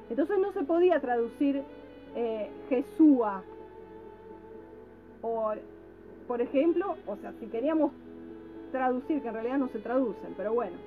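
Woman religious teacher, high voice, unhurried delivery, tinny phone-line sound, faint music behind. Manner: slow and deliberate, frequently checks in with listeners.

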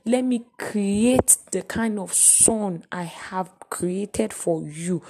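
A woman voicing God in a sermon, speaking softly and coaxingly, often dropping to a whisper. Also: medium pitch, slightly rough. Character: God, a gentle patient male voice.

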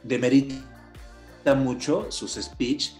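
A man, an announcer and storyteller, explaining as an interview guest in an expressive way. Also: medium pitch, faint music behind. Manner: expressive, acts out examples with drawn-out cadence. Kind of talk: explanatory conversation. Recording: roomy echo.

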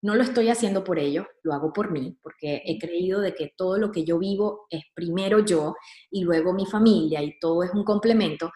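A woman's voice: medium pitch, warm tone, roomy sound. A woman speaking earnestly and reflectively about motherhood in casual conversation, dropping in English words now and then.

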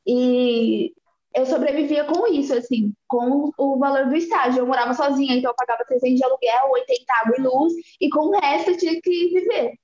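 Bahian woman, twenties, high and bright-pitched, casual and chatty, echoey lo-fi sound. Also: a little fast. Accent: Bahian Portuguese. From Bahia, Brazil. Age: 20s. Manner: relaxed, chatty, laughs easily. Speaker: guest, activist. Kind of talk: casual interview talk.

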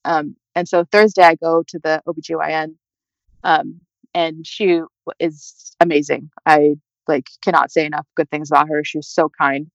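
A young woman telling her own story in a halting, conversational way, with nervous laughs and a voice that rises toward tears. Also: sits low, flat delivery, gravelly, no echo. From California. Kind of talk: personal storytelling. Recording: dry, slightly muffled audio.

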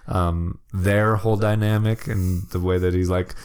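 Enthusiastic low-voiced man chatting. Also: flat delivery, unhurried, darkish tone, clean tone. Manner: enthusiastic, rambling, laughs often. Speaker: podcast co-host. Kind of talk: casual chat about movies.

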